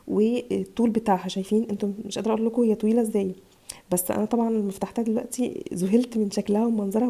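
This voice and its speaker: An Egyptian woman rattles through her haul at a breakneck pace, gushing over each item. Her voice is dark and gravelly, worn down by a chest cold she has had for weeks. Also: medium pitch. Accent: Egyptian Arabic. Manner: chatty, gushing over items. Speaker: vlogger, mother. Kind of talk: casual haul video. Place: home in Italy.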